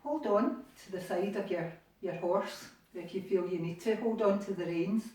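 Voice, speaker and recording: Scottish woman, exercise instructor, mellow and encouraging, distant mic in an echoey living room. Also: mid-range voice, steady tone, moderate pace. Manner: encouraging, chatty. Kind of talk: guided exercise class.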